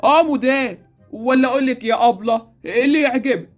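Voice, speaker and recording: A woman's voice: high voice, fast, faint music behind, natural voice. Woman playing a cheeky Egyptian doorman. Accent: Egyptian Arabic. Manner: teasing, joking, unbothered. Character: male doorman, cheeky and easygoing.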